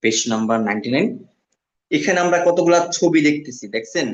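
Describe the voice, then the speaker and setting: A man teaching a basic language class who says each word slowly, repeats it, and then gives its meaning. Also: fairly high pitch, expressive. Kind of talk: classroom lesson. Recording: echoey, dull lo-fi sound.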